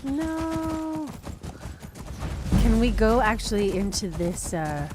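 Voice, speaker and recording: A woman's voice: mid-range voice, expressive, slow, background noise. A woman streamer casually chatting through a game, laughing and thinking aloud to her viewers. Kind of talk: casual gameplay commentary to chat.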